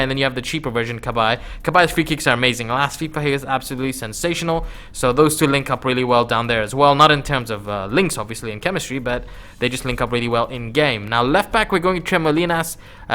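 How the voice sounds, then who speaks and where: A man hosts a gaming video with casual commentary. He speaks at a medium pitch in an informal, slangy way. His delivery is conversational, as if chatting to regular viewers while reviewing gameplay. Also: sharp tone.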